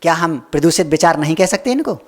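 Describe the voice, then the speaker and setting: A man's voice: a little high, animated, fast, in a large hall. A man, a Jain monk, preaching a sermon with stories, asking rhetorical questions and acting out quoted voices.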